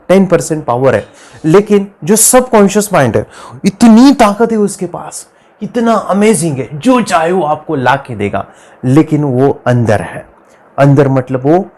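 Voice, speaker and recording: A man teaching a memory course in an animated motivational lecture style, often addressing listeners as dear friends. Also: sits high.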